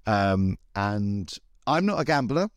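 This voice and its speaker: A man's voice: lowish voice, big pitch swings, slow pace, no room sound, studio quality. A man hosting a casual chat in a camp, wry, rambling and self-deprecating way. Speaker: host. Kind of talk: casual, chatty podcast conversation.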